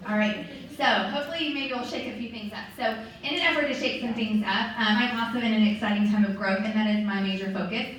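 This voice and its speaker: A woman giving a lively, chatty motivational talk to a meeting of sales directors. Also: fairly high pitch, fast, hardly any pauses. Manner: lively, chatty, acts out quoted voices. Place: meeting room or hall. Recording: distant mic in a very echoey hall.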